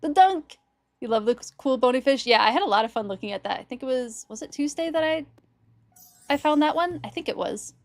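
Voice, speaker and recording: A woman's voice: a little high, fast talker, few pauses. A woman hosting a livestream, chatting casually and cheerfully with viewers while she plays a cozy game. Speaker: livestream host.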